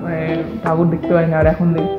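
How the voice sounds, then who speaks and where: High, quick-joking Kolkata friend. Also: male voice, monotone. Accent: Kolkata Bengali. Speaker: vlogger's friend. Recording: echoey lo-fi with loud music.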